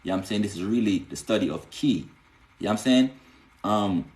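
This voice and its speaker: On a live stream, a man casually teaches spiritual lore and answers viewers, often asking "you know what I'm saying" and rising into emphatic bursts. His voice is fairly low, darkish and animated, and he talks fairly quickly in a roomy-sounding space.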